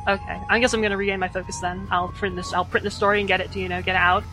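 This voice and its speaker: A woman with a medium-pitched, level voice improvises casually as a tabletop game player, hesitating, halting and often correcting herself. The recording is rough, with faint music in the background.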